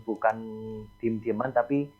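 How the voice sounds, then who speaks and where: A man, a psychologist guest calmly explaining ideas on a call-in radio show, repeating his key points. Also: medium pitch, measured pace, husky. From East Java. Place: outdoors near a beach. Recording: tinny phone line.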